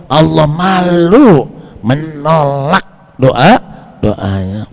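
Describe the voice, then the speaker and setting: A man giving a sermon at a mosque study circle, mixing Arabic recitation into his teaching. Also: high-pitched. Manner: animated, rising and falling delivery with Arabic recitation. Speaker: religious teacher. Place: mosque hall. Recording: long mosque hall reverb.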